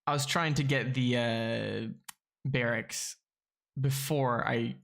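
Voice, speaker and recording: A man's voice: mid-range voice, fairly even intonation, slow, creaky, a bit bright. A man casually chatting while playing a strategy game on a live stream, easygoing and hesitant, with plenty of ums and chuckles.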